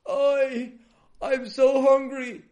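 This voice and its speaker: A man's voice: extremely high pitch, little pitch movement, drawn-out words, darkish tone, voice pushed up, heavily acted. A man voicing a starving grown man who begs for food through tears. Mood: begging. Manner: pleading, tearful.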